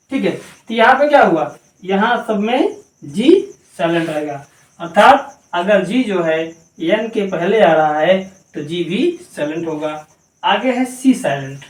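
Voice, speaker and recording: A woman's voice: mid-range voice, recorded from a distance. A woman teaching a pronunciation lesson, spelling words out letter by letter and asking and answering her own questions. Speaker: English teacher. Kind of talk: slow spelling-out grammar lesson. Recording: echoey room, voice from off-mic.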